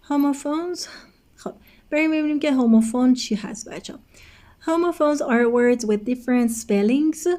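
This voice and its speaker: Mellow-voiced woman teaching a textbook lesson. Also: sits high. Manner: patient, addresses students as kids. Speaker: English teacher.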